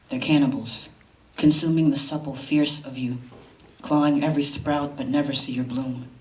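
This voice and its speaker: A man's voice: mid-range voice, a little mellow. Rhythmic male spoken-word poet, echoey room. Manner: rhythmic, emphatic repetition. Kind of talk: spoken word poetry performance. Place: college event room. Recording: echoey room, distant mic, faint hiss.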